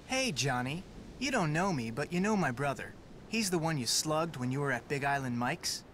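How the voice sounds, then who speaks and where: An earnest young game detective, pitched a little high with lively swings. There is faint noise and rumble behind him. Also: male voice, moderate pace. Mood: confrontational. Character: earnest, assertive young male amateur detective. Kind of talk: video game voice acting.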